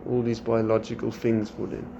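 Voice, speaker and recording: A fairly low-pitched, creaky voice belongs to a South African podcast host whose native language is Afrikaans, talking at a moderate pace. He chats casually and animatedly, performing quotes from his students, over slightly dull audio with faint background noise.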